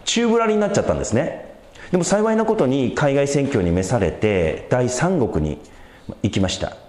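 Man, pastor, conversational sermon, very lively pitch, roomy echo. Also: a little fast. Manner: animated, conversational preaching with wide swings in pitch.

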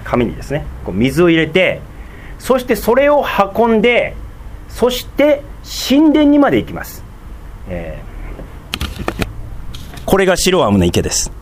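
A man preaching a sermon as a pastor, teaching slowly and deliberately with many fillers and sudden emphatic rises. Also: high voice, wildly swooping pitch, a little hiss or hum.

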